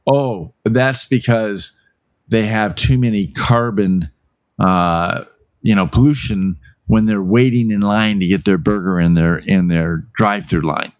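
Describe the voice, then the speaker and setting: A man's voice: lowish voice, a little slow, dry recording. A man giving exasperated, blunt political commentary on a talk show.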